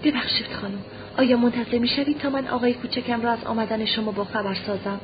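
An elderly manservant addressing the lady with careful courtesy, in a fairly high voice, as a woman reader puts him on; the recording is dull with a faint hiss. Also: steady tone, lightly acted. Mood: polite. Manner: formal and polite. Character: old male house servant, courteous. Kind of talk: audiobook reading.

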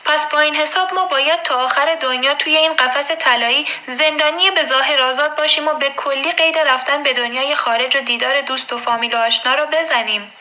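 Defiant, blunt male harpooner, read by a woman; sharp-edged storybook voice, lo-fi. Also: sits high, fairly even intonation, few pauses. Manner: resentful, blunt.

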